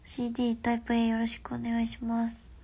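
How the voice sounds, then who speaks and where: A young woman chats on a phone livestream in a raised, gravelly voice with plenty of fry. Her nose is stuffed up, so her speech sounds nasal. She talks in a relaxed, rambling way and keeps slipping into soft half-whispers. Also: fairly high pitch, moderate pace. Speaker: livestream host. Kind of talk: casual livestream chat.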